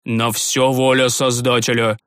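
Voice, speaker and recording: Brief: male reader voicing a gloomy old priest, slow, lower and darker than the narration, dry close sound. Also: little pitch movement, a bit bright, no echo, natural voice. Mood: dismissive. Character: grim old male priest, stubborn and devout.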